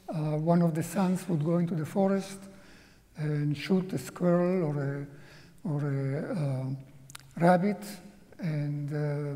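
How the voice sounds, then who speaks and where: A man in his seventies from Czechoslovakia, whose native language is Hungarian, gives personal testimony as an interview guest in a museum auditorium. He speaks slowly, haltingly and reflectively in a mellow, fairly high voice that echoes through the large hall.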